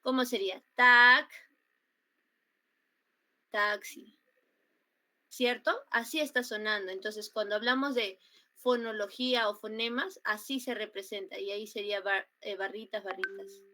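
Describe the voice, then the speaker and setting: A young woman with a Peruvian Spanish accent giving an online grammar class, explaining slowly with many fillers and repetitions over a computer mic. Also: mid-range voice, fairly even intonation, bright, forceful tone. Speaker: student tutor teaching grammar. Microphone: computer mic on a video call.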